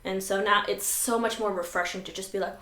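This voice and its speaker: A woman's voice: medium pitch, a little fast. A woman chatting casually and laughing while she eats on a food video. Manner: chatty, animated, laughs often. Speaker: mukbang co-host. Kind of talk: casual chat while eating. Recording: echoey room.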